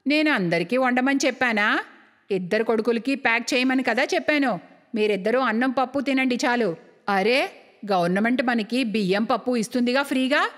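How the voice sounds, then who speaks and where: A woman's voice: fairly high pitch, normal speed, in a large hall, pitched below the performer's own voice, lightly acted. A woman voicing a stingy, bossy middle-aged mother-in-law who scolds and mocks in a cartoon story. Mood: scolding. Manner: scolding, sarcastic.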